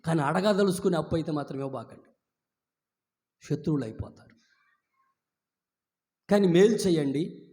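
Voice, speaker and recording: A man preaching a sermon as pastor at a live church service, moving between quiet low asides and high, emphatic declarations. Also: big-room sound.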